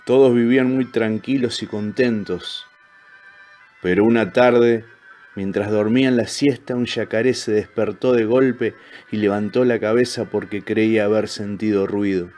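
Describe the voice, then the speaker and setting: A man reading a children's story aloud in a calm, measured way over faint music. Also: fairly low pitch. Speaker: narrator.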